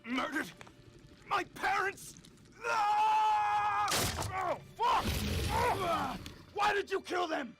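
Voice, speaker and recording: A man's voice: very high-pitched, lively intonation, drawn-out words, long pauses, exaggerated voice. An actor playing a young priest who hears a confession and then screams in rage at his parents' killer. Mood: furious. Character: young male priest, grieving and vengeful.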